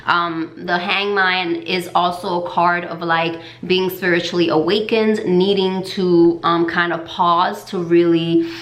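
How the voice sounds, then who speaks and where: A woman giving a casual tarot reading, chatty and full of fillers, in a voice she calls her lower fall voice. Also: flat delivery, a little slow, fairly bright tone, echoey room. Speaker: tarot reader.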